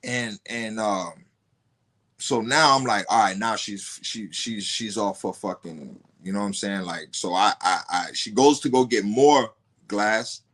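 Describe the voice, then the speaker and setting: A man's voice: lowish voice, unhurried. A man, a podcast guest, casually telling a story with lots of street slang and profanity, often repeating and restarting words. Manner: stumbling repetitions and heavy street slang; profane, animated retelling.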